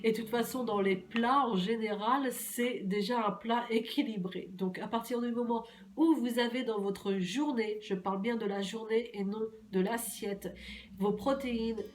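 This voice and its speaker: A woman from Normandy with a hoarse voice from a cold, chatting casually and reassuringly to her viewers about a weekly menu, with many fillers and repeats. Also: fairly high pitch, moderate pace. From Normandy, France. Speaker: weight-loss menu vlogger.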